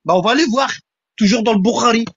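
A husky, insistent voice delivers a heated religious polemic and keeps hammering points home with repeated questions. The sound is dry and close, with a dull lo-fi quality. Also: medium pitch, fast talker, fairly bright tone, no echo. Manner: insistent, repeats "hein?" and "tu vois?"; emphatic, repeats lines for stress.

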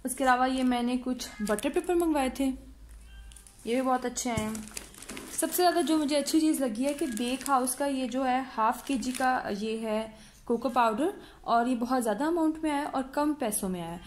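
A woman hosting her cooking channel, chatting casually through an unboxing review of baking supplies and often pausing to fill gaps as she shows each item. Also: high-pitched, a little hiss or hum. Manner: chatty, frequent hesitations, shows items one by one. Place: indoors at home, seated over a box.

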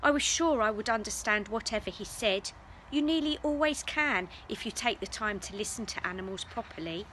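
A woman reading a children's story aloud in a gentle, expressive way. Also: mid-range voice, moderate pace, a little hiss or hum, poor audio.

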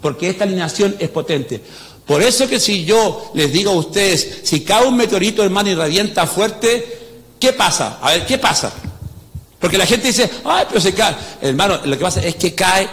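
High-voiced preaching pastor in reverberant hall. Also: male voice, normal speed, a bit bright. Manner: emphatic, asks the audience if they follow. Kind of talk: animated preaching.

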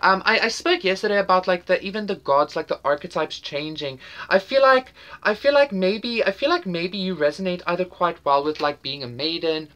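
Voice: mid-range voice, moderate pace, fairly bright tone, lo-fi sound. A tarot reader giving a casual pick-a-card reading, who talks straight to the viewer and rambles with repeated words and frequent "okay?" check-ins. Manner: enthusiastic, intuitive, talks directly to the viewer.

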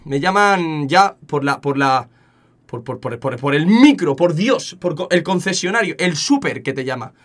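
A young man with an accent from Spain, telling a story casually to his chat, animated and often repeating words. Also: fairly high pitch, a little slow. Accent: Spain Spanish. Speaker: streamer.

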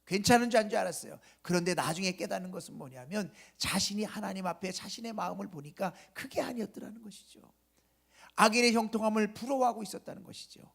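A male pastor preaching at an early morning church service, asking the congregation rhetorical questions and dropping from loud emphasis to a soft whisper at the ends of phrases. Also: high-pitched, fast, gravelly. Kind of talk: sermon.

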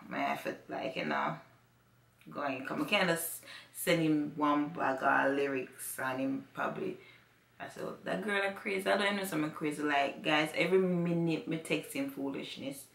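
A woman's voice: low-pitched, vocal fry, fairly bright tone. A woman with a Jamaican accent chatting casually to her vlog audience, rambling and repeating herself. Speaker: vlogger. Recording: echoey room.

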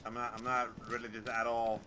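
A man playing a crude, excitable soldier in a comic game role-play, blurting and repeating his phrases. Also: mid-range voice, brisk, lightly acted. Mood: casual. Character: crude, excitable male soldier, adopted brother-in-arms.

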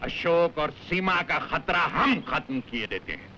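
An actor in a 1970s Hindi film playing a gruff, scheming villain who gives his gang orders. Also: fairly high pitch, animated, a little slow, sharp tone, a little hiss or hum, low-quality recording. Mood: menacing. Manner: gruff, commanding. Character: scheming villain father, cold boss.

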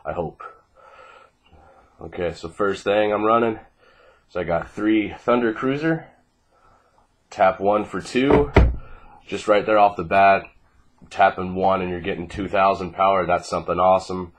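Low-pitched and unhurried, pausing often, a twenty-something man walks through his card deck casually and with plenty of swearing. He's groggy and congested from a cold he's fighting off, recording on a noisy, clicky home webcam in a small indoor living room.

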